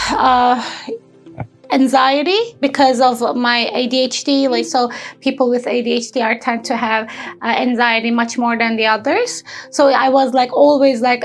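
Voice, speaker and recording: This high-pitched young woman from Turkey, an intern and entrepreneur, speaks earnestly in a personal testimonial interview. She frequently pauses with fillers and starts her sentences over as she searches for the right words.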